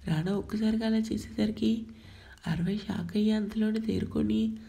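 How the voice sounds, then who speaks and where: A woman storyteller reading a romance story aloud in a steady, even way. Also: medium pitch, normal speed, creaky. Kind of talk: scripted narration of a romance story.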